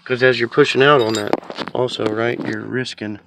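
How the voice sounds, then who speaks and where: Working on a car outside in a yard on a slope, a man with a stuffy, sniffly cold gives a rambling, chatty, self-deprecating how-to as a home mechanic. He speaks at a moderate pace in a creaky mid-range voice with a steady tone. The recording is very noisy.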